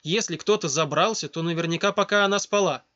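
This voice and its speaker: Male story narrator, high voice, steady read, dry dull recording. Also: fast talker. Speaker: audiobook narrator. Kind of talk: scripted narration.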